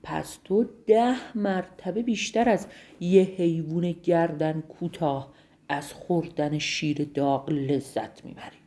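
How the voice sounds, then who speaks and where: A woman's voice: low voice, warm tone, close to an everyday voice. Woman doing a kind old rhino gent. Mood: reassuring. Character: kind male rhinoceros, gentle adviser.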